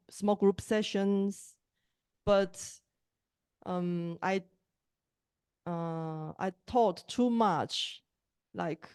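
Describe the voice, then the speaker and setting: Slow, measured Taiwanese-accented woman. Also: mid-range voice, warm tone, smooth. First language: Mandarin. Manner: hesitant, with pauses and restarts. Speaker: language teacher and podcaster. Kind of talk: online group introductions. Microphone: video call.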